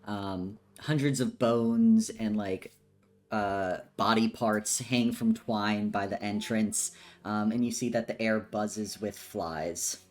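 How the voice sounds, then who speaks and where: Casting: unhurried male game master, easygoing delivery, lots of ums. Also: lowish voice. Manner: slow, relaxed, with many fillers. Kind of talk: narrating a tabletop game.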